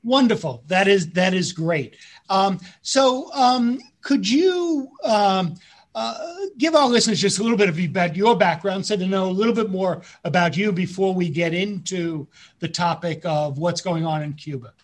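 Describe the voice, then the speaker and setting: A middle-aged man, a priest, hosting a radio interview in a halting way, with many fillers and repeated words. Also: sits high. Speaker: radio show host, priest.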